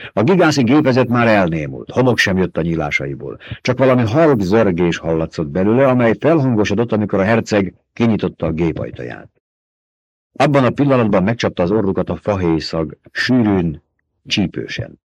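Man, low voice, audiobook narration, steady measured reading, dry close sound. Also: no room sound, muffled recording. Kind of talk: scripted narration.

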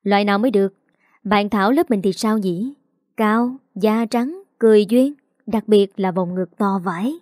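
A woman's voice: mid-range voice, moderate pace, darkish tone, dry recording, clean studio sound, lightly acted. A woman voicing a crude, teasing young male classmate.

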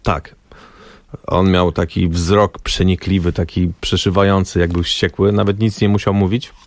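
A man's voice: low-pitched, moderate pace, no echo. A man, a former press officer for a national football team, telling stories in a radio studio interview and acting out the quoted lines. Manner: lively anecdotal storyteller, acts out quoted dialogue. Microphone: studio microphone.

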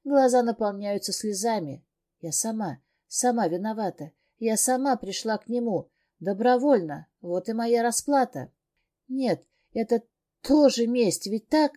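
A woman's voice: on the high side, expressive, measured pace, warm tone. A woman narrating a first-person audiobook in an intense, emotional way. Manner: intense, emotional, breathless reading.

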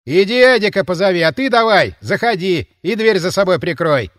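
A man voicing a brash, scruffy male guard who talks loud and coarse in a lively, high-pitched voice. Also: moderate pace, big-room sound. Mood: rough banter.

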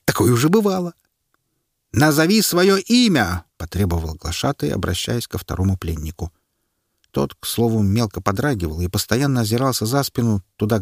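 Husky low-voiced male audiobook narrator. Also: no echo, studio quality. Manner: expressive reading, playing every figure.

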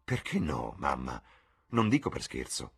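A sullen, brooding young man, as a male reader gives him voice, blunt and grumbling. Very low and husky in tone. Storybook reading. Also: wildly swooping pitch, unhurried, fairly bright tone, exaggerated voice. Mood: gruff.

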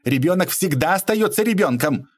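A man's voice: on the high side, animated, normal speed, no echo, studio quality, voice pushed up. A man voicing an imposing, theatrical middle-aged woman who shrieks and accuses. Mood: indignant.

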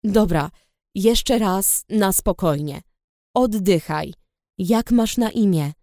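A woman doing a low, gruff young dragon rider. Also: dry recording, studio quality. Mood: calming. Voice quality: low, warm voice. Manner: barking, slow and forceful.

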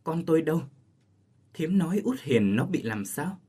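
A grief-stricken older village schoolteacher, choked and resigned, as a male narrator reads him. His husky voice rises and falls widely. It stays close to the reader's own voice in an audio ghost story. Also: on the high side, big pitch swings, normal speed, warm tone, voice pushed up. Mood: grieving. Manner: choked, sorrowful speech.

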